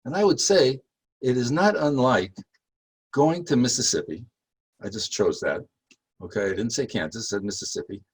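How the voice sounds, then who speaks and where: Husky-voiced man giving a rambling history talk. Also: medium pitch, lively intonation, rough recording. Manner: chatty, halting with many fillers, rises when emphatic. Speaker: tour guide.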